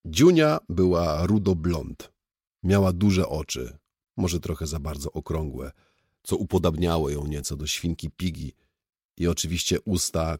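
A man's voice: rumbling low, a little mellow, slightly rough, no room sound, clean studio sound. A man reading a first-person audiobook in a wry, sardonic storytelling manner. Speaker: audiobook narrator.

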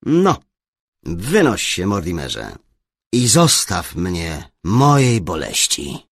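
A gruff, lordly old bishop in an audiobook, mocking his visitors and scolding them loudly, as a male narrator puts him on. The voice jumps sharply up and down, pushed higher than the reader's own low register, with a gravelly, husky grain. It is heard close and dry. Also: huge pitch swings, slow, no echo, full character voice. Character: gruff, self-pitying older male bishop. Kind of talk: audiobook character reading.

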